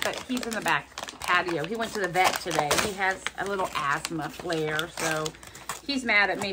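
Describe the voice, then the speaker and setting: Heavy background noise surrounds this woman's mid-range voice. She's a vlogger casually unboxing subscriber gifts to camera, gushing and gasping at each one while rambling off into one aside after another.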